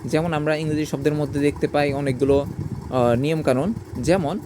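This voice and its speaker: A man's voice: fairly high pitch, fairly even intonation, a little fast, background noise. A man teaching English, working through a pronunciation lesson in a methodical, letter-by-letter way.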